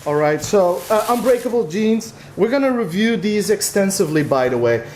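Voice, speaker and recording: A man's voice: high-pitched, moderate pace, a little hiss or hum. Dutch man chatting through an unboxing. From Netherlands. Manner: relaxed, rambling, frequent "uh" fillers. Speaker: vlog co-host. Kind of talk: casual unboxing chat.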